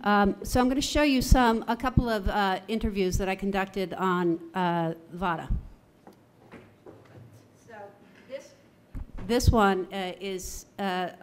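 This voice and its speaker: A woman's voice: mid-range voice, takes it slowly, long pauses, a little hiss or hum. A woman theatre professor giving a conference presentation, conversational and enthusiastic, often correcting herself as she goes.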